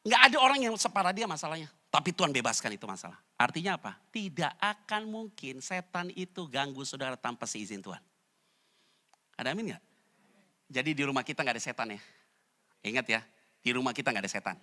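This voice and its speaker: Male pastor, bright edgy voice, animated sermon, playful slang. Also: medium pitch, fast. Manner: animated, jumps into loud character voices. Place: church online service.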